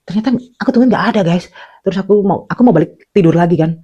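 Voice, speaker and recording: A woman's voice: lowish voice, racing, dark tone, slightly rough, muffled recording. A middle-aged woman from Indonesia telling a personal horror story in a chatty way, filling it with fillers and calling her listeners "guys".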